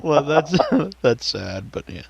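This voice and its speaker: A man hosts a podcast. He asks his questions in a relaxed, halting way, full of filler words. His middle-pitched voice sounds dry and close to the mic. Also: vocal fry, husky, no echo, muffled recording. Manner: relaxed, halting, many "uh" fillers, says "wicked". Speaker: podcast host. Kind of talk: casual interview chat.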